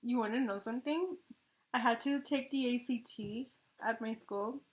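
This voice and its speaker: A woman co-hosting a casual fan Q&A video, giggly and unhurried, often trailing off mid-sentence. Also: fairly high pitch. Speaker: channel co-host.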